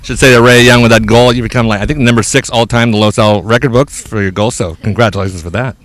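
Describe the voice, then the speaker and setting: Fast-talking male sports broadcaster. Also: medium pitch, steady tone, fairly bright tone, no room sound. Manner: brisk, chatty, a little rambling. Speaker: sports broadcaster interviewing players. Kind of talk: post-game interview and sign-off.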